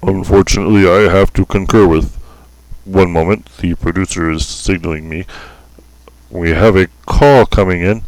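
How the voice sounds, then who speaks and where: A man acting as anchor of a parody newscast, with a deadpan delivery. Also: deep voice, normal speed, dry recording, low-quality recording. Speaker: mock news anchor.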